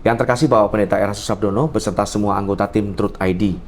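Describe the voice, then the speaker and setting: A low-pitched man reads viewer questions aloud in a polite, deferential way, answering the pastor with short agreements. Faint noise sits under the voice. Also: steady tone, fast talker. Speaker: co-host reading viewer questions. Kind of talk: reading questions aloud, brief acknowledgments.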